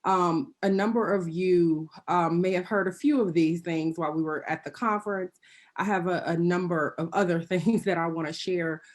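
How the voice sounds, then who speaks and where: A woman giving prepared remarks as a panelist over a video call. She speaks earnestly and pointedly, with wry asides, and now and then clears her throat. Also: lowish voice, fairly even intonation, normal speed. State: occasionally choking and clearing throat.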